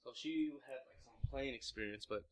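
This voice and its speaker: A Vietnamese man in his mid twenties talks at medium pitch and a moderate pace. He founded a young clothing brand and recounts his story in an informal interview, wandering off track, peppering it with "like," and often starting over.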